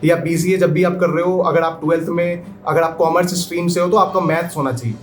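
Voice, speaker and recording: A man's voice: a little high, steady tone, fairly quick, faint music behind. Hesitant young man. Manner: hesitant, many fillers, mixes English into Hindi. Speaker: guest software engineer. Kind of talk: interview answers.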